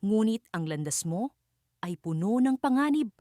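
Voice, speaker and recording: A woman's voice: medium pitch, expressive, normal speed, warm tone, no echo, clean studio sound, voice pushed up, close to an everyday voice. A woman voicing a wise ancient forest fairy who solemnly warns a young heroine in a storybook tale. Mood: solemn warning. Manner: solemn, warning.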